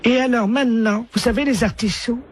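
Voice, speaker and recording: A man's voice: very high-pitched, steady tone, brisk, slight background noise. A man voicing a gossipy older woman neighbour on a prank phone call, chatty and indignant. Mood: gossiping. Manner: chatty, gossiping, indignant about market prices.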